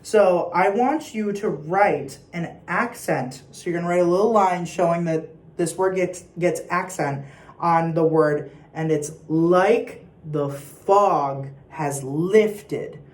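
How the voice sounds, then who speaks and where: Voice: medium pitch, measured pace. A young adult choir teacher giving patient rehearsal instructions and singing short example phrases. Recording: echoey room.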